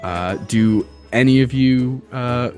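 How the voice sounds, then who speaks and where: A man narrating a tabletop game as game master, casual and descriptive, feeling his way through the scene haltingly. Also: medium pitch, darkish tone, faint music behind.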